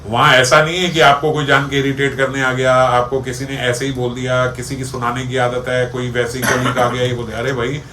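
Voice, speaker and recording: A man's voice: mid-range voice, level tone, a little fast, hardly any pauses, pushed and bright, a little hiss or hum. A man as a spiritual teacher giving a devotional discourse, explaining through everyday examples and checking that listeners follow. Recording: echoey room with faint ambience.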